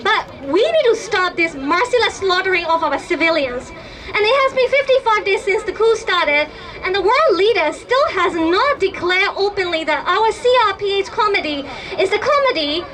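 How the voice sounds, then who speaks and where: Very high-pitched impassioned woman speaker. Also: fairly bright tone. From Burma. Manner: impassioned, emphatic, addressing a crowd. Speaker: rally speaker. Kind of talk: protest rally speech.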